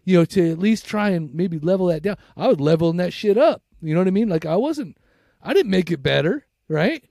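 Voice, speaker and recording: A man co-hosting a podcast, telling stories in a casual chat full of swearing and animated retellings. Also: sits high, brisk, creaky, no room sound, clean studio sound. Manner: swears constantly, animated storytelling. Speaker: podcast co-host.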